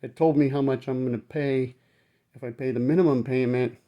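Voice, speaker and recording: A man's voice: mid-range voice, steady tone, brisk, highs cut off. A man talking casually to camera in a blunt, rambling way, swearing freely, his speech numb-mouthed after dental surgery.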